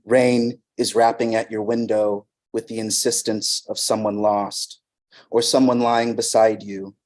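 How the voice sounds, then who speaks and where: Slow, low-voiced man reading poetry. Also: darkish tone. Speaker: poet reading his work. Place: arts center reading event.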